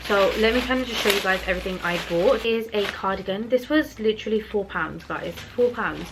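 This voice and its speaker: A woman's voice: medium pitch, a little fast. A British woman chatting casually to viewers as a haul vlogger, with a bubbly, gushing, emphatic manner. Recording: noisy recording with clicks.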